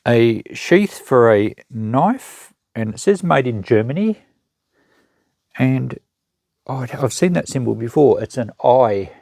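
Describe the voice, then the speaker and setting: Taking it slowly, an Australian man hosts an unboxing and, as a secondhand shop seller, shows items while thinking aloud in casual, matter-of-fact, unscripted commentary. His mid-range voice is expressive, a little mellow, with vocal fry, in studio quality with no echo.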